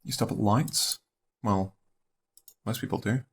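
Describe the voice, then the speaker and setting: A young man thinking aloud in a let's play, musing and unhurried, trailing off into half-spoken guesses. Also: fairly low pitch, fairly even intonation, creaky, slightly rough. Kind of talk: thinking-aloud puzzle commentary.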